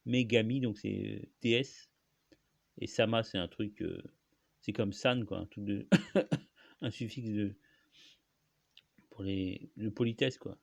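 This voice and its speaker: A man's voice: lowish voice, slow, gravelly, pauses often, dry recording. A man hosting a solo talk, explaining words in a hesitant, rambling way, full of fillers, restarts and coughs. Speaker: host.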